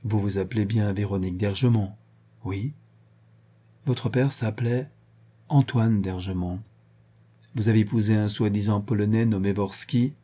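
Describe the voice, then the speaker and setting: A man's voice: on the low side, steady tone, moderate pace, pauses often, mellow, slightly rough. A man reading the part of a solemn, devout Breton peasant woman in an audiobook. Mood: questioning. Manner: solemn, fervent.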